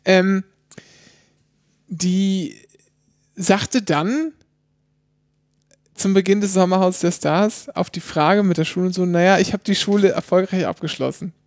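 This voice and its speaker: High-voiced man, animated storytelling. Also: measured pace, pauses often, no echo, clean studio sound. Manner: animated storyteller, quotes people in lowered mock voices. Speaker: podcast co-host. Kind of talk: casual chat, retelling reality TV scenes.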